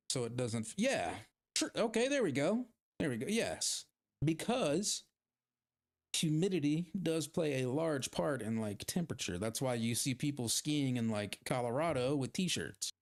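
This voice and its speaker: Speaking at a moderate pace in an animated, mid-range voice, this man talks loosely with viewers during a gaming livestream. His chat wanders, and he often jokes at his own expense while playing.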